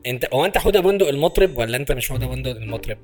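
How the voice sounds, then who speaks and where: A man with an Egyptian accent, deadpan and teasing as a fake producer on a prank call. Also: mid-range voice, very fast. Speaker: prank caller posing as producer.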